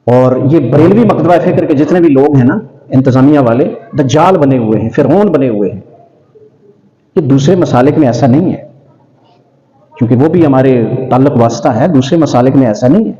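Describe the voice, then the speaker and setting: A man's voice: medium pitch, lively intonation, mellow. A man giving an earnest, admonishing religious talk, telling anecdotes and urging fair treatment. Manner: earnest, admonishing, slips into Punjabi. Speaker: religious scholar. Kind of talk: sermon-style talk with anecdotes. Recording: echoey hall, dull lo-fi sound.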